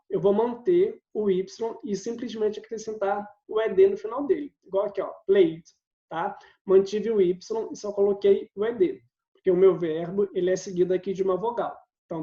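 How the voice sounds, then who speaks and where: A man's voice: high-pitched, dark tone. A man, an English teacher giving a recorded video lesson, explaining patiently step by step and often checking in with his listeners. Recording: roomy, slightly dull sound.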